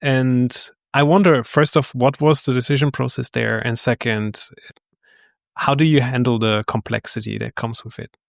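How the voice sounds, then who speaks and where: A man hosting an interview, asking deliberate, measured questions. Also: medium pitch, steady tone, vocal fry, no echo, clean studio sound. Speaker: podcast host.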